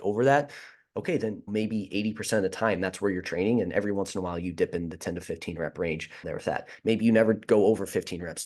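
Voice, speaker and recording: A man hosting a solo question-and-answer podcast, talking off the cuff, often restarting and repeating words, and pushing harder on his main points. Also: deep voice.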